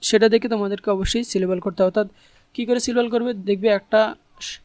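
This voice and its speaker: A man's voice: high-pitched, fairly even intonation, fast, darkish tone, no echo. A man teaching English in an online tutorial. He explains patiently and spells words out letter by letter.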